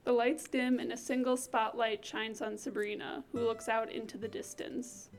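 A woman reads stage directions for a homemade musical, amused and often laughing. Her voice is high. Faint instrument music plays behind. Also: level tone, moderate pace. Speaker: narrator reading stage directions. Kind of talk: reading a script with family.

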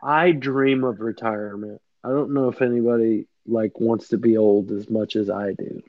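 A man's voice: fairly low pitch, steady tone, normal speed, no echo, phone-quality sound. A man in his thirties co-hosting a podcast, chatting casually with loose, profane banter. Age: 30s. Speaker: podcast co-host. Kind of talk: casual chat.

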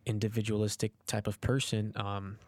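Low-voiced young man, thoughtful podcast guest. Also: little pitch movement, no room sound. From born in Peru, raised in New Jersey. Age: 20s. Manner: measured and reflective, with frequent "um" pauses. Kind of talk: casual interview chat.

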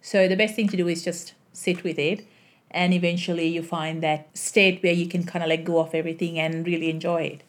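A woman in her thirties from Sri Lanka, a yoga and Pilates teacher, answering interview questions in a warm, thoughtful way with many pauses. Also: fairly low pitch, flat delivery. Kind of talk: casual interview chat.

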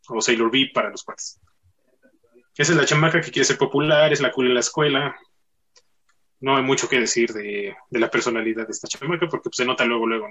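A man hosts a loose, joking podcast chat. He talks in a bright, forceful voice and fills it with plenty of pauses and fillers. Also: medium pitch, poor audio. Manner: chatty, joking, with many fillers. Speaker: podcast host. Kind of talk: casual chat.

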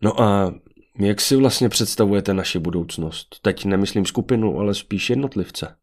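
A man's voice: lowish voice, darkish tone. A man voicing a blunt, sardonic young male mage in a fantasy audiobook.

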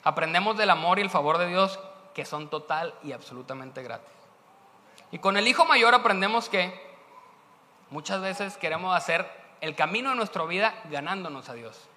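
The speaker is a Mexican-accented male pastor narrating stories in a sermon, casual and conversational, with plenty of tag questions. He has a high, pushed and bright voice with lively intonation at a normal speed, heard in an echoey church hall.

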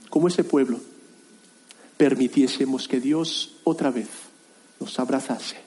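A man pastor preaching a sermon in an earnest, halting way, with many pauses and restarts. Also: mid-range voice, a little mellow. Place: church hall.

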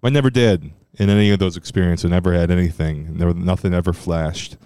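A man hosting a casual solo podcast, rambling and loose with profanity, with a strong loud voice that can turn monotone. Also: low-pitched, fast talker, smooth, no room sound. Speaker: podcast host. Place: room at home.

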